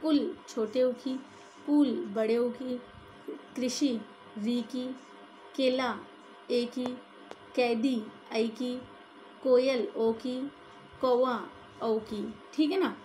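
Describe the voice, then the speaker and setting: A woman's voice: a little high, steady tone, drawn-out words, long pauses, a little mellow, slight background noise. Woman teacher explaining step by step. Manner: explaining step by step, often adding "ठीक है". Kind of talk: classroom grammar lesson.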